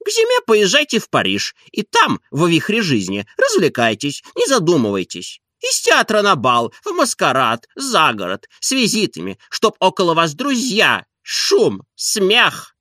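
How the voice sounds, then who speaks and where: A man reading an audiobook and voicing a brisk doctor who lectures in a matter-of-fact way. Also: sits high, wildly swooping pitch, sharp tone, no room sound, clean studio sound, pitched above the performer's own voice, full character voice. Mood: lecturing. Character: brisk, prescribing male doctor.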